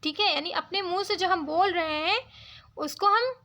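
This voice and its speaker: A woman's voice: very high voice, moderate pace, sharp tone. A woman tutor giving an exam lecture in Hindi mixed with English, explaining step by step and checking in with her students.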